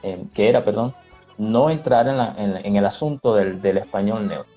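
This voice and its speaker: A man's voice: fairly low pitch, moderate pace. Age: adult. Sex: man. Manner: frank, reassuring Spanish teacher. Sound: dull lo-fi live stream, faint music. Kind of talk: relaxed conversational advice. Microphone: phone or webcam on a live stream.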